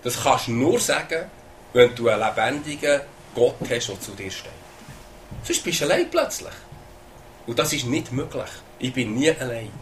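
A man's voice: mid-range voice, moderate pace, slight background noise. A man with a Swiss German accent preaching a sermon in an earnest way, often repeating words and asking "oder?".

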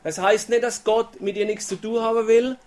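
A man's voice: high-pitched, fairly even intonation, moderate pace, a little mellow. A man preaching a casual sermon, often asking his listeners "oder?" and acting out the voices of people in the Bible story.

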